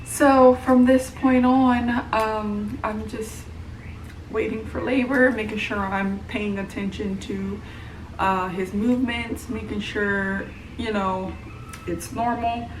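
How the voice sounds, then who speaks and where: A woman's voice: medium pitch, steady tone, slow, recorded from a distance, soft background music. Tired pregnant woman rambling in echoey room. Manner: rambling, many fillers and restarts. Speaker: vlogger. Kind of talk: casual pregnancy update vlog. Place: at home, room with echo. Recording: roomy, from the mic, noisy home.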